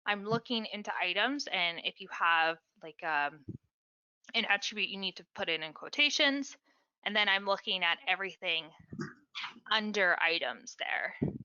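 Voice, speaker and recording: A woman with a bright, forceful voice walks through technical steps in a relaxed, chatty way on a webinar. The sound is dry and a little dull, like video call audio. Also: mid-range voice, a little slow, clear, resonant tone, dry recording. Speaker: support specialist. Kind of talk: casual webinar explanation.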